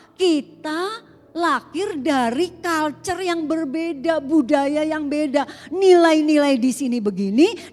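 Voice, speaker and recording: A woman pastor preaches in a high, bright voice, chatty and animated as she asks her listeners questions. Her words ring out with long reverb in a church hall. Soft music sits faintly behind her. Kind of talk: sermon. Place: church sanctuary.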